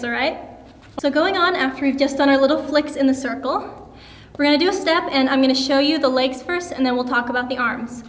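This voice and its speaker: A young woman with a high, bright voice leads a kids' dance lesson, counting and demonstrating moves in an upbeat, encouraging way. A long reverb rings around her voice, as if she's in a big, echoey room.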